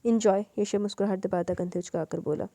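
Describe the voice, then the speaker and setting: A woman's voice: fairly even intonation, brisk, mellow. A woman reading a romance novel aloud, raising her voice for the lovers' lines. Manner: voices both lovers, lifting pitch and volume for dialogue. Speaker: audiobook narrator.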